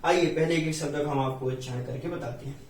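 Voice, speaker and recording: A man with a Hindi accent teaches a Jain hymn line by line, slowly chanting verses and explaining each word. His voice sits somewhat high and comes from a distance in a roomy, echoing space. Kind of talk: teaching Sanskrit hymn recitation and meaning. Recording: roomy echo, distant from mic.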